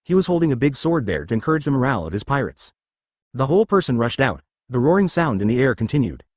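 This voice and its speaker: A man reading fan fiction aloud as a steady scripted narration. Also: mid-range voice, fast, no room sound, studio quality.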